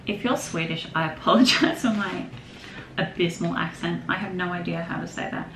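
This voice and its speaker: In an echoey home craft room with noise behind her, a young vlogger sits at a desk and chats through a casual shopping haul, filmed from a little distance. Her lowish voice is creaky and moderately paced. She rambles, laughs easily, and keeps restarting her sentences.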